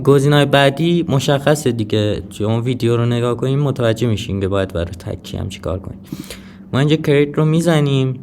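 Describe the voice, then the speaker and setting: A man explains a technical setup step by step in a relaxed, conversational tutorial voice of ordinary pitch. He hesitates often and fills gaps with soft filler sounds while speaking straight to his viewers. A faint background noise sits under the recording. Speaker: crypto tutorial presenter. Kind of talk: casual screen-recorded tutorial.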